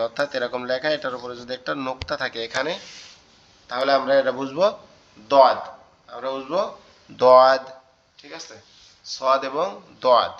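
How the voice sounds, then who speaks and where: A man leads an online class on Arabic letters, speaking in a bright, forward voice. He repeats each sound several times and keeps checking in with the students. The call audio is dull and muffled. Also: medium pitch. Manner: patient, repeats sounds and asks the class questions. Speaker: Quran teacher.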